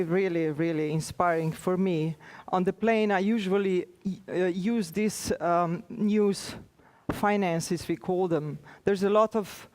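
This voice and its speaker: Speaking as an official at a conference, a woman with a Slovenian accent, Slovenian being her native language, presents informally. She hesitates and halts often, pausing a lot, in a lowish voice with a darkish tone.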